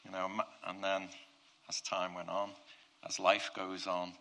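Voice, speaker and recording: A male preacher prays and preaches to a congregation in a croaky, gravelly voice with a bright, sharp edge. His pitch is low and flat with little rise or fall, and his pace is measured. He speaks earnestly and often circles back to restart his phrases.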